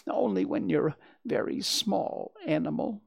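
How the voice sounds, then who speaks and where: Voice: medium pitch, expressive, moderate pace, gravelly, dull audio, pitched above the performer's own voice. A storyteller voicing a small, timid, anxious but kindly piglet in a children's storybook, with a fussy, earnest manner.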